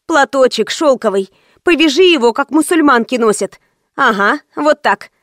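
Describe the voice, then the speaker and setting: A woman's voice: high-pitched, lively intonation, fairly bright tone, no echo, studio quality. A woman voicing a flustered young female friend who chatters eagerly and fusses to please, in an audiobook reading. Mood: fussing. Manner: fussy, quick, eager to please.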